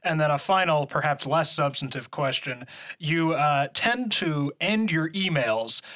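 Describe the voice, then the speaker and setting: A man hosting an interview podcast, asking questions in a measured, polite way with dry humor and then reading the closing credits. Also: on the high side, animated, a bit bright. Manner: measured, polite, dryly joking. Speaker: podcast host. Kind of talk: interview and show outro.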